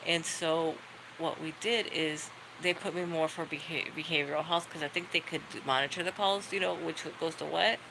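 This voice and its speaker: Dogs bark in the noisy background as a middle-aged woman chats casually with her livestream viewers, rambling through stories in a friendly, talkative style. Her voice sits low and creaky, with a steady tone and moderate pace.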